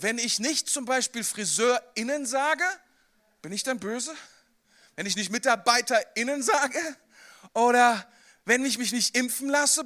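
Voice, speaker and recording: A man preaching a sermon in a conversational, animated way, often speaking straight to the listener with questions. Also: very high voice.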